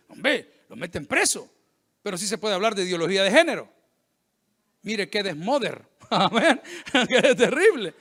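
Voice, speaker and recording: A middle-aged man, a pastor preaching a sermon, joking and animated, acting out the voices of people he quotes. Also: sits high.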